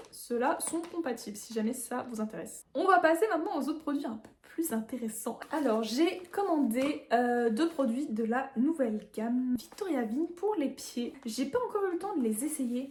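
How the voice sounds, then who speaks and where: In an echoey room, a nail artist reviews products during an unboxing, chatting casually and rambling with fillers and small laughs. Her voice is high and a little mellow.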